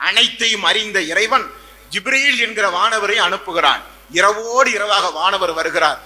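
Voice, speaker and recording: A man's voice: high-pitched, normal speed, pushed and bright. A man from Tamil Nadu preaching a sermon with passion, repeating phrases and asking rhetorical questions. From Tamil Nadu, India. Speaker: Islamic preacher. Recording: long hall reverb.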